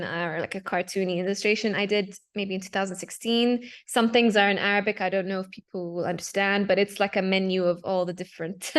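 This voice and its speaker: A young adult woman, a digital artist from Palestine who grew up in Dubai, casually presenting her artwork on a video call with fillers and self-corrections. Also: medium pitch. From Palestinian, raised in Dubai. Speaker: panel speaker, digital artist.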